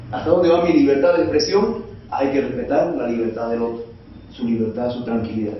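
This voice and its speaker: A man's voice: a little high, slight background noise. A male preacher, giving a conversational sermon and asking the congregation rhetorical questions. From Bolivia. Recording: echoey, dull sound from far off.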